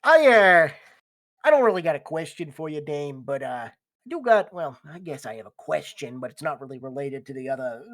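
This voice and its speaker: A man voicing a pushy, sleazy male reporter with a put-on Boston accent, loud and drawling. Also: on the high side, sing-song, moderate pace.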